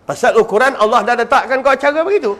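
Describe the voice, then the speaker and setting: A middle-aged man giving a humorous religious lecture, acting out scenes with mimicry and sound effects and bursting into shouts for emphasis. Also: very high voice, fast. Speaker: religious teacher.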